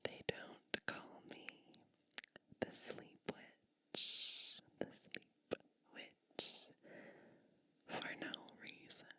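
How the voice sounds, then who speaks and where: Whispering breathily, an ASMR performer takes on the role of a kind, whimsical bedtime witch. She speaks slowly and with care, leaving pauses after each brief phrase to keep things soothing.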